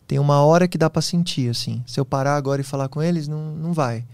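A man being interviewed as a guest on a podcast, telling personal stories in an animated, casual way. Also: on the high side, clean tone, no room sound. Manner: fast, animated storytelling.

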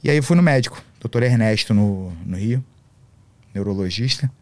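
Brief: man, podcast guest, animated storyteller, dry close sound. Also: on the low side, normal speed, dry recording. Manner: slangy, animated storytelling full of swearing. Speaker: podcast guest, MMA coach. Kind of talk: casual storytelling.

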